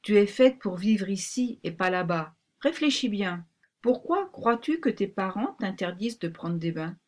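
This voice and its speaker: A bossy talking pink rabbit, put on by a woman reading aloud, brisk and commanding, with a secretive edge. The voice sits a little above her own, in a storybook telling. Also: mid-range voice, animated, darkish tone, lightly acted.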